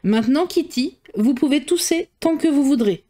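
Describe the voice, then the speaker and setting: A woman reading a novel aloud, voicing a dry, teasing middle-aged father who speaks in a slow, ironic, mocking way. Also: high voice, expressive, mellow, voice pushed up. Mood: wry.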